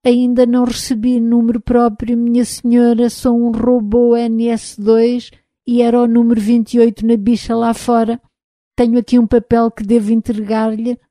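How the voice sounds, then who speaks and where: A woman voicing a timid, frightened male robot with a hoarse voice. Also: on the high side, monotone, normal speed, warm tone, no echo, voice pushed up, close to an everyday voice. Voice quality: hoarse, like a machine needing oil. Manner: anxious, pleading, deferential. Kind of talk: audiobook character reading.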